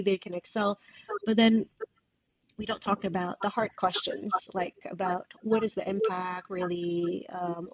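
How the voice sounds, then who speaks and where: A woman, a guest in an interview who talks thoughtfully, pausing and restarting as she searches for words. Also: medium pitch, a little mellow. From Indonesia. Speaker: guest author. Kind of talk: casual interview conversation. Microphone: video call. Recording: dull dry video call audio.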